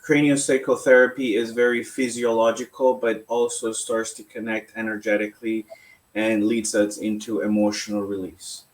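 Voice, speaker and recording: A man from Colombia, a massage therapist, calmly answering interview questions and explaining his work. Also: lowish voice, moderate pace.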